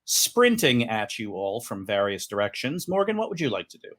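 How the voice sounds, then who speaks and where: A man's voice: lowish voice, very animated, normal speed, a bit bright. A man narrating a tabletop role-playing game as game master, talking in a loose, rambling way with many fillers.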